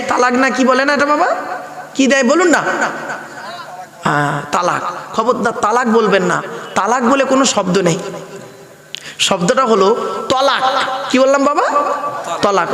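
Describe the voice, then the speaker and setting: Casting: male preacher, high pitch, asks questions, PA mic in an echoey pandal. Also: expressive, normal speed, pauses often, sharp tone. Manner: call-and-response, rhetorical questions. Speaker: Islamic preacher. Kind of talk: waz sermon to a gathering. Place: outdoor sermon pandal over loudspeakers. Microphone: handheld PA microphone. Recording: echoey hall, long reverb.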